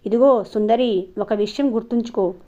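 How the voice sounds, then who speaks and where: A woman voicing a calm, patient older husband who soothes and advises his wife. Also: fairly high pitch, normal speed, lo-fi sound, natural voice. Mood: soothing.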